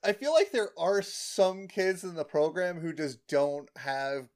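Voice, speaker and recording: Man, slightly high voice, podcast co-host, casual chat, enthusiastic, laughs easily, corrects details. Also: measured pace. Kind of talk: casual chat recapping a TV episode.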